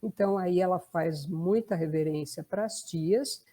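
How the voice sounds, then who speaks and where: A woman's voice: fairly low pitch, measured pace, warm tone. A woman with a Brazilian Portuguese accent, a family constellation therapist explaining a case in a conversational way. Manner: conversational, tag questions. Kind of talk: explanatory talk.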